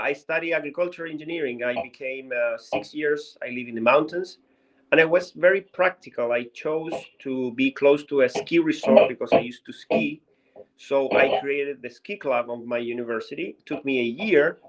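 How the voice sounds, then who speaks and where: A man with a Chilean Spanish accent, a native Spanish speaker, sharing his life story as an interview guest. His manner is sincere and unhurried, and he sometimes pauses to search for the right English words. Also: mid-range voice, rough recording.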